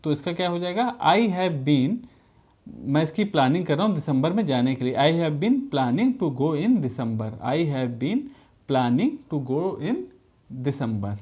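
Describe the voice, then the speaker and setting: A man's voice: fairly high pitch, sing-song, slow, a little mellow. A man teaching a school lesson to children, patiently reading English sentences out word by word and repeating them. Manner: addresses the pupils as children. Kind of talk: recorded classroom lesson. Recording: dull lo-fi recording.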